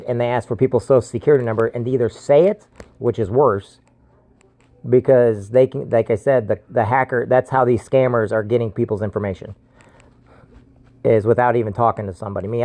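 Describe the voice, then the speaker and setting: A medium-pitched, darkish male voice from the United States. He casually plays an identity theft protection seller in a scam-warning video, pressing his point in plain language and repeating it to viewers and over the phone.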